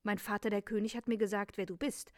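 A woman voicing an earnest, indignant young prince in a storybook tale, reading his lines a little higher and louder. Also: fairly even intonation, fast, no echo, studio quality, natural voice.

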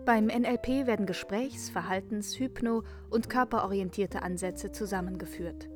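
A woman calmly reading out a scripted explanation and then a fairy tale as narrator. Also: mid-range voice, normal speed, over music. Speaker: narrator and teacher.

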